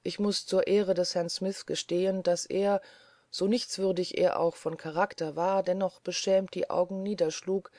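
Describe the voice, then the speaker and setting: Audiobook reader, steady narration, mid pitch, dry close mic. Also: normal speed, no room sound. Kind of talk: scripted narration.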